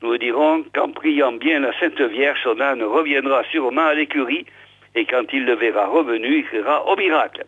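A small, prankish priest, the joker of the parish, as a male storyteller plays him. He speaks slowly and slyly. The recording is thin and phone-like. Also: mid-range voice, husky, dry recording, close to an everyday voice. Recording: tinny phone-like old recording.

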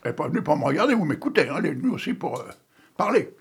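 A man in his sixties hosting a poetry session, chatting and joking between readings and reciting verse, with a gravelly, raspy voice. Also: fairly high pitch, sing-song, racing. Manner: chatty, joking, digressive, coughing now and then. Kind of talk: casual chat and poetry reading.

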